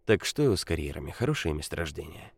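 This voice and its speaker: A man doing a soft-spoken mafia adviser. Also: very deep voice, sing-song, fast, gravelly, breathy edge, no room sound, exaggerated voice. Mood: smooth, probing. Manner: quiet, polite, insinuating. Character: cool, calculating male mafia consigliere.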